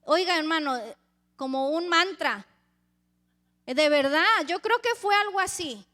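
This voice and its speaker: A woman's voice: extremely high pitch, animated, unhurried, pushed and bright. A woman preacher giving a sermon, reading scripture aloud and calling the congregation brothers. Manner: acts out crowd voices.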